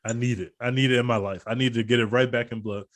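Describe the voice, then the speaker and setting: A man's voice: medium pitch, fairly even intonation, quick pace. A man co-hosting a casual podcast, talking fight picks in a laid-back, slangy way and laughing often. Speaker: podcast co-host. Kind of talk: casual sports betting chat.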